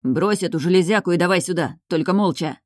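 Woman doing a gruff, curt stranger barking orders. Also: lowish voice, fast, darkish tone, no room sound, studio quality, close to an everyday voice.

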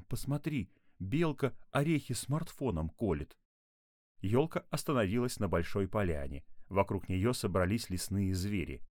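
A man with a low voice reads a playful children's tale with very animated, expressive delivery. The recording is dry and close, with no room sound. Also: dry recording. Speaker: storyteller. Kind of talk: scripted narration of a children's tale.

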